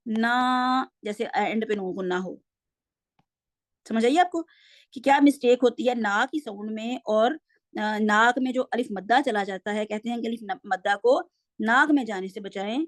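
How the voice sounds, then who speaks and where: A woman's voice: a little high, dry recording, clean studio sound. A woman teaching a Quran reading class online, patiently correcting her students step by step and speaking into a computer mic on a video call.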